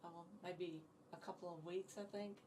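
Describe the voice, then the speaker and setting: A woman in her seventies from Indiana, founder of a community group, appears as a guest in a casual interview and tells stories in an upbeat, chatty manner. Her voice is fairly low and mellow, with fairly even intonation and normal speed. It is picked up from a distance, with slight background noise.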